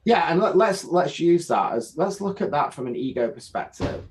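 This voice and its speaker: A man's voice: fairly high pitch, animated, normal speed, a little hiss or hum, low-quality recording. A man as an interview guest, talking earnestly with rhetorical questions and acted-out inner voices, heard over a remote call. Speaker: guest coach. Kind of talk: reflective interview talk.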